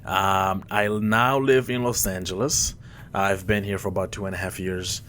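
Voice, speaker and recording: A man in his twenties, born in Rwanda and raised in Mozambique, hosting a casual solo podcast, halting with many fillers and restarts. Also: low voice, fairly even intonation, fairly bright tone, slight background noise. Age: 20s. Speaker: podcast host. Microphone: headphones on, podcast mic.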